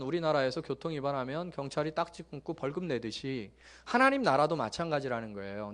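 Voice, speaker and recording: Animated man preaching with jokes. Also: a little high. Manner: lively, joking storytelling with sudden loud bursts and hushed asides. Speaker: pastor. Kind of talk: sermon.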